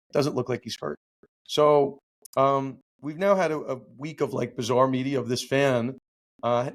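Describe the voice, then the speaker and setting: A man hosting a podcast, talking through a legal case in a relaxed, conversational way, often restarting his sentences. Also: medium pitch. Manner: conversational, explains step by step with frequent restarts. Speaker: podcast host and law teacher. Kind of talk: casual legal commentary.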